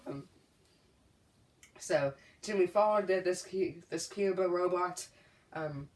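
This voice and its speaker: Lower-voiced woman telling a story, lots of uhs, roomy echo, far from the mic. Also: slow pace. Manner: hesitant, full of uhs and restarts, laughs easily. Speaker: co-host. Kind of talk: casual storytelling game chat.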